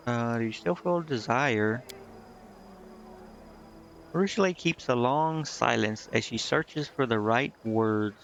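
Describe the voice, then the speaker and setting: Slow and often pausing, this man's mid-range voice sounds creaky and a bit bright as he streams a game. He chats casually and stumbles hesitantly through the dialogue he reads aloud. Game music plays under slightly muffled audio with a little hiss or hum.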